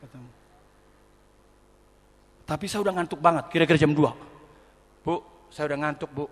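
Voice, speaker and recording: A middle-aged male pastor from Indonesia preaching a sermon as a story, acting out voices and swinging from quiet asides to shouts. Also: on the high side, normal speed. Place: large indoor arena. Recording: reverberant arena hall.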